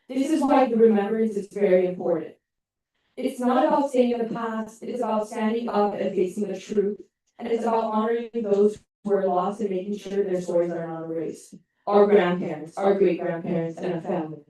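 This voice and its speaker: A woman's voice: medium pitch, dark tone. Firm young woman reading a statement. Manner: earnest, firm, prepared. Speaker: sorority president. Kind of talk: prepared public comment. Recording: echoey hall, mic from a distance.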